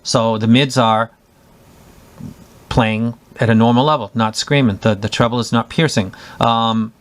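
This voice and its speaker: A man's voice: medium pitch, steady tone, a little slow. A man giving a casual spoken headphone review, enthusiastic and rambling, with many restarts and fillers.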